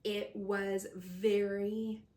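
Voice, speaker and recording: A woman's voice: medium pitch, level tone, extremely slow, darkish tone. Chatty woman gushing about books. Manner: chatty and gushing, with frequent laughs. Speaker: book reviewer. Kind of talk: casual chat. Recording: roomy sound from a distant mic.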